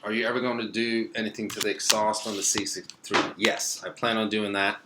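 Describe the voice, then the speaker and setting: On a live stream, a young man from Sweden casually reads and answers viewer comments, relaxed and rambling with many fillers. His voice is on the low side and a little fast, and there's heavy background noise.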